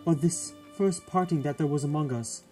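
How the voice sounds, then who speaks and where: A man plays a tender Victorian father in a radio play. His voice is fairly high and mellow, earnest and full of gentle grief. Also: moderate pace, soft background music, close to an everyday voice. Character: gentle grieving father of a poor Victorian family. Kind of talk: radio drama acting.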